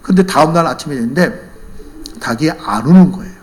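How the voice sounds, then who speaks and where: A man's voice: a little high, lively intonation, a little fast, a little mellow. A male senior pastor preaching a sermon, telling a story and driving it home with emphatic rhetorical questions.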